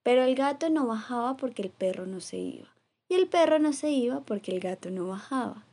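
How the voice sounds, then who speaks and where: A woman reading a children's story aloud in a gentle, rhythmic way. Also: on the high side, brisk, slightly rough. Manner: gentle, rhythmic, lively read with repeated refrains.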